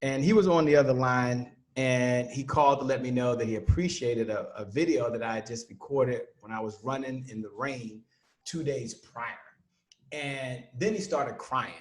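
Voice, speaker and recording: A man's voice: mid-range voice, moderate pace. A man who trains sales teams, a guest telling a personal story in an earnest, motivational way.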